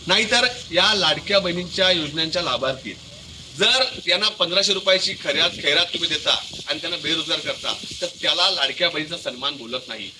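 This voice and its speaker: Activist guy talking quick and sharp at a protest, high-ish voice. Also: slight background noise, low-quality recording. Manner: fast, forceful public speaking. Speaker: activist organizer. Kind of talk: protest statement to the press. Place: outdoors at a protest.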